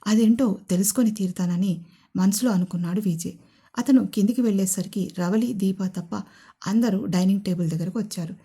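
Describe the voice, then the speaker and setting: A woman narrating a scripted romantic audio story in a steady storytelling manner. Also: mid-range voice, a little fast. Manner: smooth storytelling.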